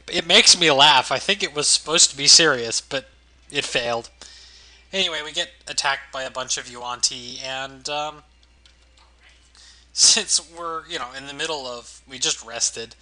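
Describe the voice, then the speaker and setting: A man with a very bright, sharp voice and average pitch hosts a let's play. His commentary is casual and wry, delivered with amused understatement. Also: moderate pace. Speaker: gaming video host.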